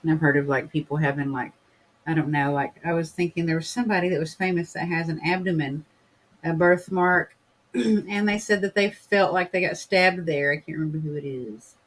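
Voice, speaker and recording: A man hosting a casual podcast, talking in a rambling way full of fillers and clearing his throat now and then. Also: on the high side, brisk, fairly bright tone, low-quality recording. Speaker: podcast host. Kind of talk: casual chat, reading viewer comments.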